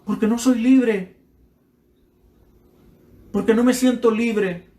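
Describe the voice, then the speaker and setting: A man's voice: very high voice, fairly even intonation, slow, mellow, echoey room. A man preaching a sermon with passion, acting out the voices in his stories, with a Central American Spanish accent. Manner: impassioned, acts out dialogue in his stories.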